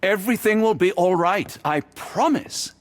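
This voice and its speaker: A man's voice: sits high, lively intonation, moderate pace, no room sound. A man playing an earnest, decent doctor, a detective's loyal companion, in courteous, formal video game dialogue. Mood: kindly, reassuring. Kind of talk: dramatic mystery game dialogue.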